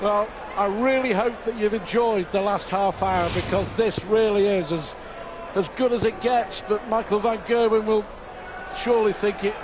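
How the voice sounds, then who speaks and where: A man's voice: high voice, steady tone, moderate pace. A man giving live darts commentary as a broadcast commentator. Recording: music and arena crowd behind. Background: music and crowd noise.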